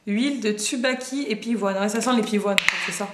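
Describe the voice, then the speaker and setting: A woman's voice: medium pitch, fairly quick, echoey room, background noise. A woman in her twenties chatting casually through a beauty box unboxing, hesitant with frequent fillers and self-mocking jokes. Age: 20s. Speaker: beauty vlogger.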